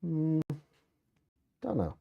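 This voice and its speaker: A man's voice: fairly high pitch, very animated, drawn-out words, gravelly, husky, dry recording, narrow, tinny audio. A man co-hosting a bingo game with casual banter and commentary. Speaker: bingo co-host.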